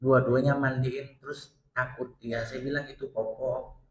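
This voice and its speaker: A middle-aged man gives a sermon in a mosque, recounting a family story and voicing each person's words with swelling emphasis. His voice sits at an ordinary male pitch. The hall around him adds a clear, roomy echo. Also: flat delivery, moderate pace. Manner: retells family dialogue with rising, tearful emphasis. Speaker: preacher.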